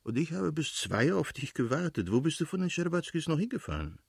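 A man's voice: a little high, big pitch swings, a little fast, gravelly, husky, no room sound, clean studio sound, voice pushed up, full character voice. A man reading a jovial nobleman. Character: jovial, sociable middle-aged nobleman. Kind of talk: audiobook character reading.

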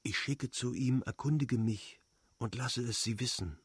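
A man reading the lines of a self-assured society princess in an audiobook, softer and lower. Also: a little slow, slightly rough, no echo. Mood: firm.

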